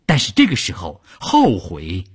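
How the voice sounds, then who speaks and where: Husky storyteller guy, slow and measured, voice swings all over. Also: deep voice, huge pitch swings. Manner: measured, dramatic narration. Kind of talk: traditional spoken storytelling.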